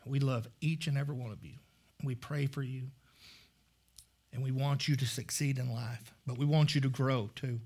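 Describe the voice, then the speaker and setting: Halting, candid man preaching a sermon. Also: mid-range voice, fairly even intonation, darkish tone. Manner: halting, candid, with many restarts. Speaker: guest preacher. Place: church sanctuary.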